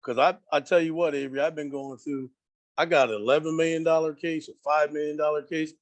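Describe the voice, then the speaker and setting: A man's voice: fairly high pitch, level tone, quick pace. A man calling in on a video call, asking questions in a rambling, frustrated way with many restarts. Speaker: caller.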